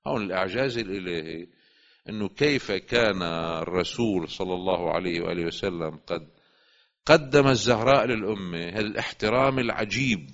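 A man giving a religious lecture, swinging between loud urging and quiet asides. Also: low voice, lively intonation, fairly quick. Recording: dull lo-fi recording.

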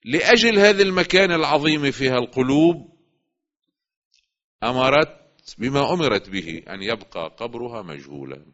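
A man giving a religious lecture, swinging between loud urging and quiet asides. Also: mid-range voice, expressive, moderate pace, pauses often. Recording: dull lo-fi recording.

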